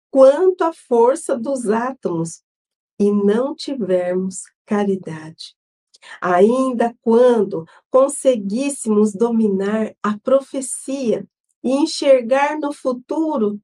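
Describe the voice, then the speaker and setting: Slow, mellow Brazilian woman leading prayer. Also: a little high. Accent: Brazilian Portuguese. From Brazil, São Paulo state. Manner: solemn, prayerful and measured. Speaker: host of an online Spiritist gospel study. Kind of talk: opening prayer and devotional reading.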